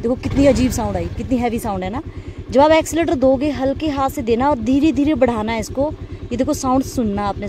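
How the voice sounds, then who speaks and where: A woman teaching scooter riding outdoors on a hilly road, giving patient step-by-step instructions and coaxing the rider on with steady praise. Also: sits high, slight background noise. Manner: encouraging, coaxing, repeats cues like "shabash". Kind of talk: hands-on instruction.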